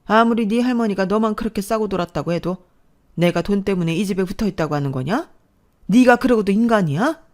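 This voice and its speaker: A woman's voice: medium pitch, fast talker, natural voice. Lady voicing a tired bitter mother-in-law, mournful and complaining. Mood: furious. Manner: sorrowful, complaining. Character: bitter, weary middle-aged mother-in-law.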